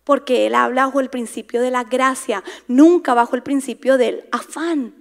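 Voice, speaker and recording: A woman delivering a sermon in a high, bright-toned voice. She is dramatic, sinks into whispers to stress a point, and acts out the voices she describes. She asks the women listening to repeat key words back to her. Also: normal speed, vocal fry. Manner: dramatic, drops to whispers for emphasis. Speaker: preacher.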